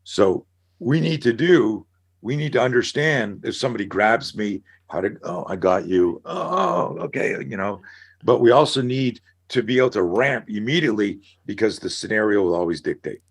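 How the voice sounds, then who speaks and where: A middle-aged man on a podcast, an animated storyteller who acts out scenarios as he talks. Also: on the low side, normal speed, slightly rough. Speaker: guest, self-defense instructor. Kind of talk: casual podcast conversation.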